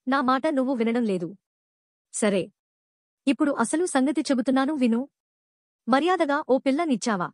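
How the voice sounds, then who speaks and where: A woman's voice: high voice, dry recording, studio quality. A woman voicing a hungry, cunning male fox who whines and threatens in a children's story. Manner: wheedling then threatening.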